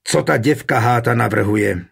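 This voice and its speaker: A man reading an audiobook, voicing a greedy, hot-tempered young knight who shouts and threatens. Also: medium pitch, gravelly, breathy edge, heavily acted. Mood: threatening. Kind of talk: audiobook character voice.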